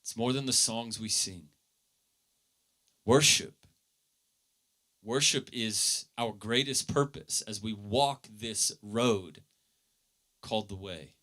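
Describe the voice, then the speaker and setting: A man preaching a sermon as pastor, earnest, with his voice swelling loud and then dropping low. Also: takes it slowly, long pauses.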